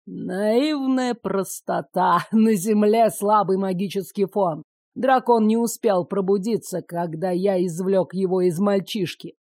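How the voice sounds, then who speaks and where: A woman reading an audiobook, voicing a cruel, power-hungry male dark sorcerer who speaks slowly and mockingly. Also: medium pitch, no room sound, clean studio sound. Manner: slow, gloating, mocking.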